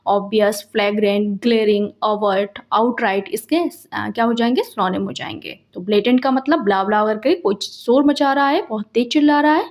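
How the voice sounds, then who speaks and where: A woman's voice: mid-range voice, moderate pace, few pauses. A woman with a Hindi accent teaching vocabulary for exams, explaining memory tricks step by step and repeating key points. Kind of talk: vocabulary lesson for exam prep.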